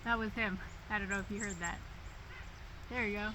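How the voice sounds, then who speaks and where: A woman's voice: mid-range voice, steady tone, a little fast, background noise. A woman vlogging casually outdoors in the woods, coaxing wild birds and talking to them. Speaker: nature vlogger. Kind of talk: casual outdoor vlog narration.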